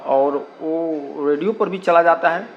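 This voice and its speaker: A man being interviewed on behalf of a community radio station explains things a little slowly in a fairly high voice, with muffled recording quality. He repeats himself often and mixes English words and filler phrases into his Hindi.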